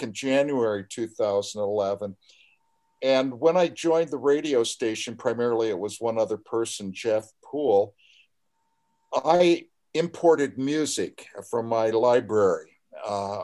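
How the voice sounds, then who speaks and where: Older American man, mid-pitched and measured. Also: darkish tone. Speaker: community radio folk show host. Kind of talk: conversational radio interview. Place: remote group video call.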